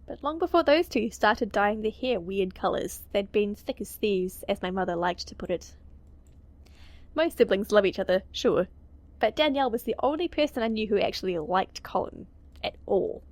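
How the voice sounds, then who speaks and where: A woman reading a visual novel game aloud as a let's play, giggling and dropping quick, casual asides with some swearing. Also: mid-range voice, lively intonation, no echo.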